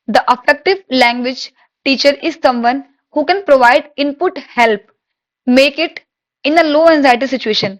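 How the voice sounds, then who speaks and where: Woman, high voice, teacher, exam-prep lecture, asks questions. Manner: reads English questions slowly, explains in Hindi with rhetorical questions.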